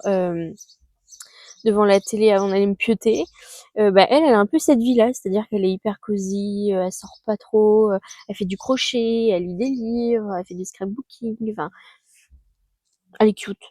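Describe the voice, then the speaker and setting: A woman's voice: medium pitch, normal speed, warm tone, dry recording, studio quality. A woman in her twenties recording a casual recap vlog outdoors. She is chatty and scattered, using youthful slang and lots of fillers. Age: 20s. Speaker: vlogger. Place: outdoors under a tree.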